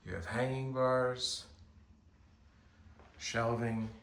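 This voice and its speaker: A man with a mid-range, slightly bright voice speaks with fairly even intonation and drawn-out words. He is a real estate agent giving a walk-through tour of a home, complimenting each feature in a polished sales manner as he moves through the rooms. The recording is echoey with faint background noise.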